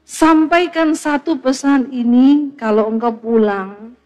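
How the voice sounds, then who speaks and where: A woman's voice: sits high, takes it slowly, darkish tone, soft background music, low-quality recording. A woman putting on a grave, solemn divine voice.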